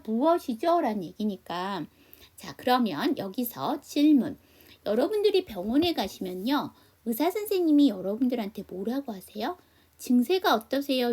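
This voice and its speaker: A woman's voice: a little high, darkish tone, husky. A woman teaching an English class online, explaining step by step and answering her own questions to the class.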